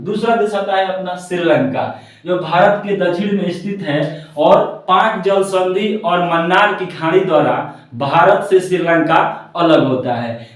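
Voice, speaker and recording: A man's voice: sits high, far from the mic. A man teaching a map-based geography lesson, saying each point twice and chanting lists of country names in a sing-song rhythm. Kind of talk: classroom-style map lesson. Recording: very echoey room, voice from away from the mic.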